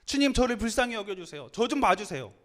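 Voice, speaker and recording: A man's voice: sits high, very animated, fast talker, voice pushed up. A man crying out as a desperate blind beggar. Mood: pleading cry. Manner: pleading shouts.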